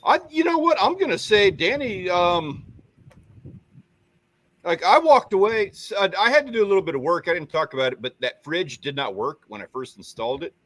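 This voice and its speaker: A man's voice: high voice, lively intonation, moderate pace, fairly bright tone, dry recording. Rambling male livestream co-host. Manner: rambling, self-deprecating, greets viewers by name. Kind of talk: casual livestream chat. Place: home on Padre Island.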